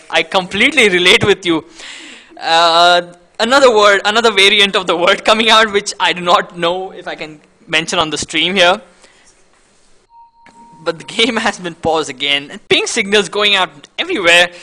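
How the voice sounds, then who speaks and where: A man's voice: sits high, sharp tone. A man from India co-casting a live esports match, rambling and conversational, often breaking off mid-sentence. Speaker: guest esports caster.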